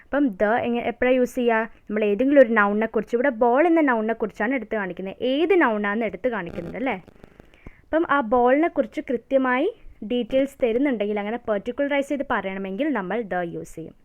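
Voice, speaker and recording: A woman with a Malayali accent gives a grammar lesson. She asks questions and answers them herself, and her voice sits a little high. The recording is narrow and tinny, like a phone line. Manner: reads English example phrases slowly. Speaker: English grammar teacher. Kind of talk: lesson explaining grammar to students.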